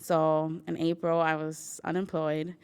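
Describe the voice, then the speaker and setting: A woman's voice: sits low, little pitch movement, measured pace, darkish tone, clear, resonant tone. A young woman in her twenties from New York, chatting through a personal story, quoting herself and laughing often. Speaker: interviewee sharing her story.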